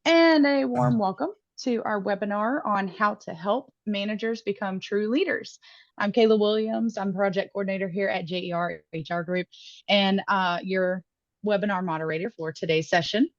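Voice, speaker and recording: A woman moderating a webinar over a video call, upbeat and quick to laugh. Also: medium pitch, dry recording. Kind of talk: webinar hosting. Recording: muffled online call audio.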